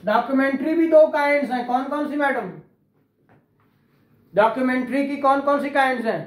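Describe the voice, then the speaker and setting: Reverberation surrounds a man with a very high voice who speaks at a normal speed. He is running a law lecture, asking students questions, coming back to key terms, and complimenting their responses.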